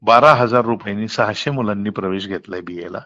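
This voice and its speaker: This middle-aged man has a lowish, bright voice with a forceful edge and a fairly fast delivery. On a muffled, low-fidelity phone call, he gives earnest, detailed explanations in the style of a college principal, mixing in English terms.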